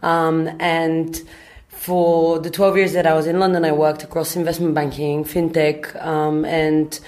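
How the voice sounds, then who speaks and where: A woman in her thirties from Bulgaria, giving a founder's answers in an interview. Her voice sits very low for a woman. She talks thoughtfully and fills her pauses with ums and uhs. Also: little pitch movement, a little mellow. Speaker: startup founder, guest.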